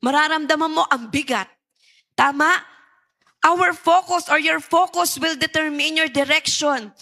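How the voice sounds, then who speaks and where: Woman youth preacher, high voice, engages the crowd with questions. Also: measured pace, sharp tone. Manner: engaging, asks the audience questions. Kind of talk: sermon.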